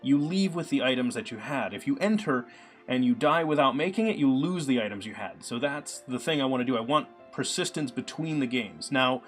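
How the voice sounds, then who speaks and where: A man chats through a live coding stream in an easygoing, meandering way, filling pauses with ums and uhs. His voice sits at an ordinary middle pitch and is a little scratchy from a cold. Soft background music plays faintly under him. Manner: relaxed, chatty, many ums and uhs. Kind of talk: casual live-stream talk.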